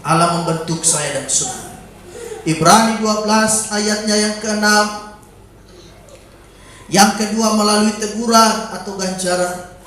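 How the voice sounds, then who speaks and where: A man preaching a sermon in a church, breaking into sudden shouted calls and exclamations. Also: high-pitched, fairly even intonation, unhurried, long pauses. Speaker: pastor. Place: church during a Wednesday evening service. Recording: very echoey church hall.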